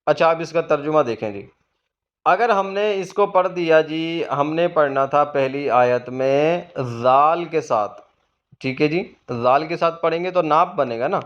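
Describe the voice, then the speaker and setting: A man's voice: fairly high pitch, lo-fi sound. A man teaching Quran reading to beginners, patiently asking questions and then answering them himself. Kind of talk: explaining a lesson to beginners.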